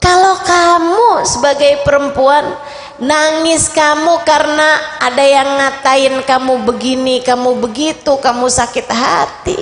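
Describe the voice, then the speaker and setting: A woman preacher gives an impassioned, emotive sermon in a high, bright voice. Her words echo around a large hall, with reverb trailing after each phrase. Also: measured pace. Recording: echoey hall.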